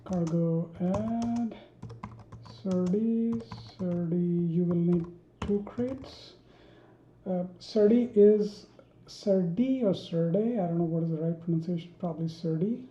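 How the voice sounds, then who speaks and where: A woman teaching a coding tutorial, thinking aloud with many pauses, ums and restarts while she types. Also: lowish voice, dark tone, a little hiss or hum. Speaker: programming tutor. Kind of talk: screen-recorded coding tutorial. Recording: dull roomy home recording.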